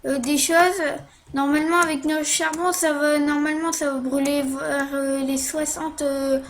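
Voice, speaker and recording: A woman's voice: sits high, level tone, a little slow, slight background noise. A woman talking through a casual game tutorial while she plays, hesitant, with many fillers and little "hop" sounds as she clicks.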